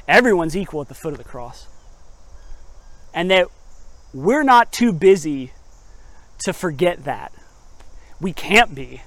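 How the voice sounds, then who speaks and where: A man's voice: a little high, no echo. A man preaching a casual, conversational sermon, asking rhetorical questions and poking fun at himself. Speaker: pastor. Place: on location at a chapel.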